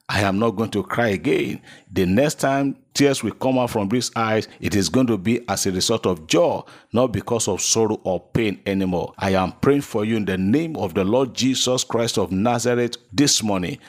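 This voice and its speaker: Deep-voiced Nigerian pastor preaching fervently. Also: male voice, moderate pace. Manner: fervent, repetitive declarations. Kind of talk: sermon.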